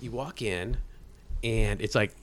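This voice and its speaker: A man's voice: fairly low pitch, takes it slowly, fairly bright tone. Man in his fifties explaining at length. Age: 50s. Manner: rambling explanations with many restarts. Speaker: guest, state agency head. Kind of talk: casual interview chat.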